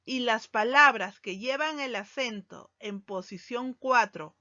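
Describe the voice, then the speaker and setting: Slow, bright-voiced woman teacher. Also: a little high, no echo. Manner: slow, deliberate, stresses key words. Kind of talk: recorded grammar lesson. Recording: dull lo-fi sound, dry.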